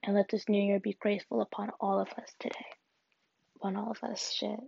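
A young woman hosting a solo podcast, talking in an earnest, halting way with restarts. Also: medium pitch, flat delivery, creaky, a little mellow, husky. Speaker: podcast host. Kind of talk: solo personal podcast reflection. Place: alone at home. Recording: dull, dry lo-fi recording.

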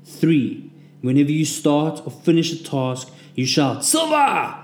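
A hulking Russian drill sergeant, as a male narrator puts him on, bellowing orders in a heavy accent with punchy, forceful delivery. The voice rings out in a roomy, echoing space, a little higher and louder than the storyteller's own. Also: steady tone, measured pace, soft background music, lightly acted. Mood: barking orders. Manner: barking commands. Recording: roomy echo.

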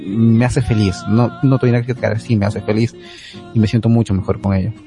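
A man's voice: lowish voice, fairly even intonation, brisk, music in the background. A young man, talking casually on a podcast, often repeating words as he searches for them. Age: young adult. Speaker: guest.

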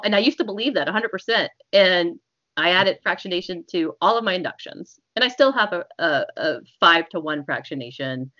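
Woman, slightly low voice, chatty explainer on a dull lo-fi recording. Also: pushed and bright. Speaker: hypnotist interview guest. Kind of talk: conversational explanation with demonstrated hypnosis suggestions. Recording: echoey, muffled lo-fi call audio.

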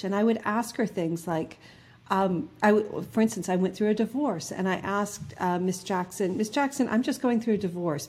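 A woman's voice: mid-range voice, darkish tone, breathy edge. A woman in her fifties from New Jersey, guest in an interview, telling personal stories earnestly with many fillers and restarts. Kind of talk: reflective interview conversation.

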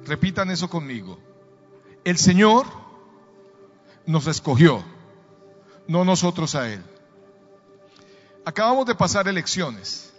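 A middle-aged man, a pastor preaching and telling a story, calling the congregation to answer back. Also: sits high. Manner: storytelling, calls for audience responses. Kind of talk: sermon. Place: church hall. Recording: dull sound, long reverb in a church hall.

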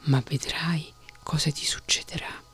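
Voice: mid-range voice, fairly even intonation, unhurried, fairly bright tone, husky, faint music behind, heavily acted. A whispering narrator voicing a knowing old woman in a whispered role-play. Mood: inquiring. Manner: whispered, inquiring.

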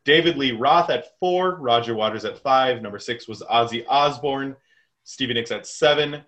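Dude co-hosting a podcast, bright punchy voice, teasing and chill. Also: male voice, mid-range voice, normal speed, lo-fi sound. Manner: upbeat, teasing, laid-back. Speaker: podcast co-host. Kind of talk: casual chat.

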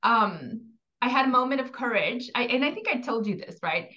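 Excited woman podcast host, bright kinda high voice, chatty, bit muffled audio. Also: moderate pace. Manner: excited, chatty, mixes in Spanish words. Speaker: podcast host and women's empowerment coach. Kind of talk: casual podcast interview.

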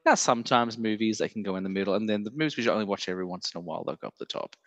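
A man hosting a podcast in casual chat, with a gravelly voice hoarse from illness and a long day of talking, joking and self-deprecating as he rambles. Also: lowish voice, rapid-fire, a bit bright, dry recording, in a large hall, dull audio. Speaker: podcast host.

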